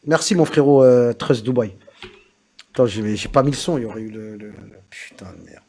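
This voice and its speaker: A man's voice: medium pitch, a little fast, warm tone. A man with a French suburban street accent hosting a casual livestream chat in heavy street slang peppered with oaths. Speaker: livestream host.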